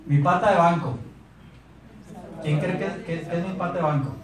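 Crowd noise accompanies a high-pitched, Mexican-accented man in his thirties as he gives a spirited motivational sales talk at normal speed, holding a mic and questioning the audience. He's in a meeting room by a projector screen, recorded from afar in echoey acoustics.

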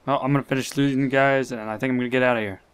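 A young man commenting live on his gameplay, talking to himself and getting excited. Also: medium pitch, rapid-fire, clear, resonant tone. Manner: excitable, talks to himself, swears and laughs.

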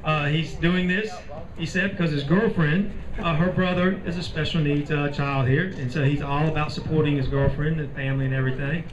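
A man's voice: on the high side, steady tone, a little fast. A middle-aged man hosting a live outdoor event, speaking off the cuff with teasing, jovial banter into a PA microphone. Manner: jovial, teasing crowd-working. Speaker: event host, announcer. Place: outdoors in a parking lot by a pool. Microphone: handheld PA microphone, picked up by a distant camera. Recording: distant lo-fi PA sound, crowd noise. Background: loud crowd.

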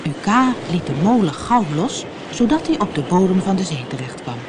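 A woman narrating a children's storybook in a lively, expressive reading. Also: fairly low pitch, a little fast, noisy background.

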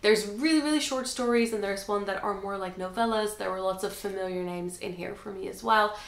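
A woman's voice: medium pitch, fairly quick, creaky, roomy sound. A young woman, chatting to camera as a book vlogger at home, upbeat and talkative. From the Netherlands. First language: Dutch. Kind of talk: casual chat to camera. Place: home room with bookshelves. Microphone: camera framing, head and shoulders.

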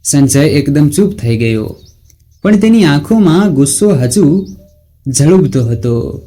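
A man narrating a scripted story in a slow, dramatic reading. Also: fairly high pitch, animated, dark tone.

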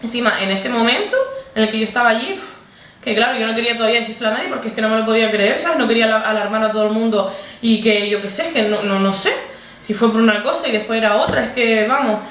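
A young Canarian woman tells a personal story straight to camera. Her voice sits a little high for a woman. She keeps circling back and repeating herself as feeling builds. The sound is roomy and set back from the mic. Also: fast talker, a bit bright, recorded from a distance. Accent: Canarian Spanish. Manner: emotional, repetitive, conversational retelling. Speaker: vlogger.

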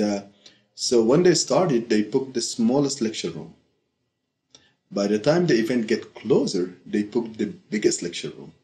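A middle-aged Sudanese man with a low, darkish voice gives a personal testimony to camera, speaking deliberately in short phrases separated by pauses. He sits in a quiet furnished room with a fireplace and bookshelves, with music playing in the background.

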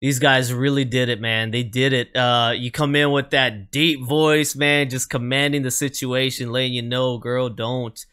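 An emotional man gives casual reaction commentary, his voice bright and pushing forward. He sounds moved and gushing. He tags "man" onto nearly every phrase. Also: mid-range voice, moderate pace, few pauses, clear, resonant tone. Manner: excited, says "man" after almost every phrase. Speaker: music reaction host.

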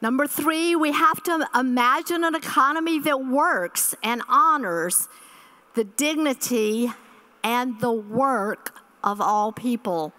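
A woman's voice: sits high, takes it slowly, sharp tone. A woman in her sixties giving an earnest keynote address at a church conference, speaking from a podium microphone on a hall stage and repeating key phrases.

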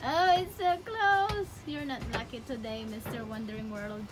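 A woman's voice: a little high, fairly even intonation. A woman chatting and giggling while filming a tour of a railroad museum and train yard on a handheld phone. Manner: giggly, playful, quick exclamations. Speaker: vlog co-host filming the tour. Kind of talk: casual chat while touring. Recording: background music under the voice.

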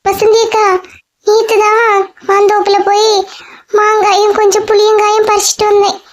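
A meek, grateful village woman from a cartoon, voiced by a woman, speaking sweetly with a Kanyakumari Tamil accent. Her voice sits very high and keen to please. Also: completely flat delivery, normal speed. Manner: sweet, pleading, eager to please.

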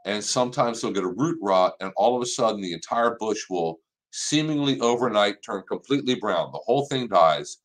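A man in his sixties hosting a live online plant clinic from his office, giving practical advice in a relaxed, conversational way with the odd filler. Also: fairly low pitch, brisk. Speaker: extension horticulture host. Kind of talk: live-stream gardening Q&A. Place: office with framed certificates on the wall.

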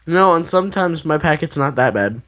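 A man's voice: fairly high pitch, animated, fairly quick, fairly bright tone. Playful, rambling young male gamer. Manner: playful, rambling, trailing off mid-sentence. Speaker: co-host gaming guest. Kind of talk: casual gaming chat.

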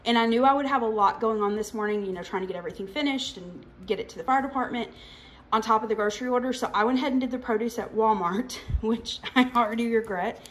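Talking fast in a slightly high voice, a young cooking-channel host rambles through a grocery haul at home in her kitchen, sprinkling in fillers and asides. The recording is rough, with a little hiss or hum.

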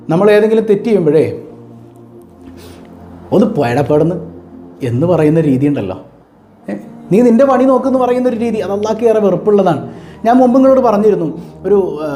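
High-voiced preacher telling stories. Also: male voice, dark tone, slight background noise. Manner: storytelling, repeats phrases for emphasis. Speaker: Islamic preacher. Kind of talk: motivational religious talk.

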